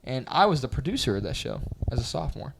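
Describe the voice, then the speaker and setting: A young man on a casual podcast, telling a story in a lively way and acting out the voices of the people in it. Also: medium pitch, fast talker, vocal fry, background noise. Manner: animated storyteller, acts out voices and hums loudly. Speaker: podcast co-host. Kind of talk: casual chat.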